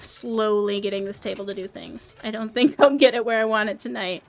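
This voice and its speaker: A woman streaming a game live, chatting in a joking, self-mocking way, her voice a bit rough from being sick. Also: mid-range voice, lively intonation, fairly quick, faint music behind. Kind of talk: live gameplay stream chat.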